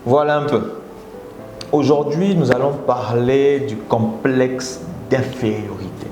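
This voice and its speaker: Speaking slowly with a Congolese French accent, a Congolese man hosts a live motivational talk, animatedly encouraging viewers and regularly jumping into high exclamations. Faint music plays behind him in an echoey room with audible background noise.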